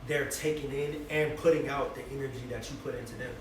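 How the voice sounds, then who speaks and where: A man's voice: mid-range voice, fairly even intonation, fast talker. Reflective young man, echoey room. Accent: Bay Area. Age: 20s. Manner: loose, reflective, many fillers and "you feel me". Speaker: rapper guest. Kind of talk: casual interview chat. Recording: echoey room, distant mic, noisy.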